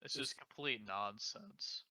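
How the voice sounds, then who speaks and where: Bright, gravelly young man chiming in. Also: mid-range voice, expressive, slow pace, dry recording. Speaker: podcast co-host. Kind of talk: casual podcast chat.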